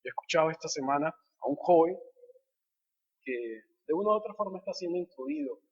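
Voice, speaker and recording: A man preaching a sermon as a pastor, rhetorical, moving from hushed asides to impassioned repeated refrains. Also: fairly high pitch, expressive, a little fast, slightly rough, lo-fi sound. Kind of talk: expository sermon. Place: church sanctuary.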